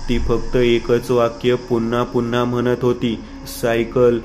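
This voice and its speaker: A man narrating a scripted horror story in an even, steady delivery. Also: medium pitch, measured pace, a little hiss or hum. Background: faint music.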